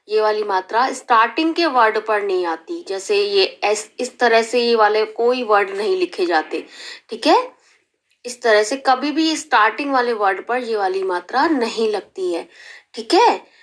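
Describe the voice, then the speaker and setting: A woman teaching young children in a slow, careful lesson style, stretching out syllables and often checking in with the class. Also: fairly high pitch, expressive, fairly bright tone. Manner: drawn-out syllables, frequent rising "theek hai" checks. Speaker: primary school teacher.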